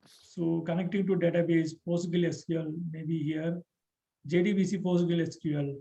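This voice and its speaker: A man teaching a live online programming class, halting and spelling out terms letter by letter. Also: fairly high pitch, steady tone, creaky, dark tone, poor audio. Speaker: programming instructor.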